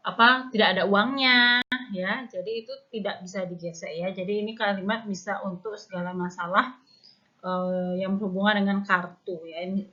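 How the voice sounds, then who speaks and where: A woman's voice: mid-range voice, a bit bright. A woman with an Indonesian accent teaching an online Mandarin class, explaining patiently step by step and often tagging her phrases with "ya". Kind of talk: online language lesson. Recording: dull lo-fi recording.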